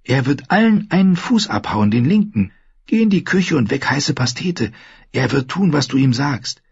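A man's voice: mid-range voice, animated, normal speed, vocal fry, breathy edge, no room sound, voice pushed up, heavily acted. A man voicing a fierce, determined young girl in a storybook reading. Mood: urgent, determined. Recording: dull lo-fi recording.

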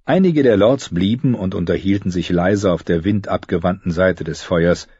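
A man narrating an audiobook in a steady, measured storytelling manner. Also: deep voice, slightly rough, dry recording, highs cut off. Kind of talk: scripted narration.

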